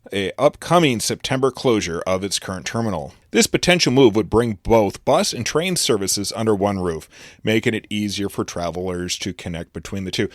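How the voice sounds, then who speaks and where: A man's voice: fairly low pitch, dry recording, studio quality. A man hosting a travel news podcast, talking casually with frequent fillers and restarts. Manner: chatty, loose delivery with frequent "uh" fillers and restarts. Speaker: podcast host.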